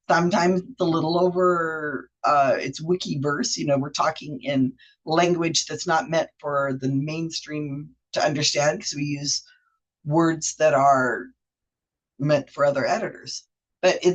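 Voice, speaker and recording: Poor audio captures a husky, mid-range voice: a Wikipedia editor with a cold giving a relaxed, meandering tour of shared pages and repeatedly self-correcting partway through sentences.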